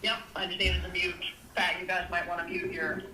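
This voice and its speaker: A woman calling in to a meeting, heard through a speakerphone in the room, giving quick short replies while sorting out muting. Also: on the low side, level tone, very noisy. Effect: heard over a speakerphone in the room. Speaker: remote caller, club co-president. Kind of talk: casual remote call chat.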